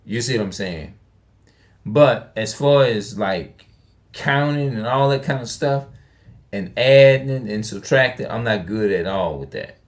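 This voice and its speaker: A man's voice: medium pitch, lively intonation, unhurried. A man in his forties speaking in an unscripted monologue, emphatic and repetitive, often restarting his sentences and asking rhetorical questions. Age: 40s. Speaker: online video speaker.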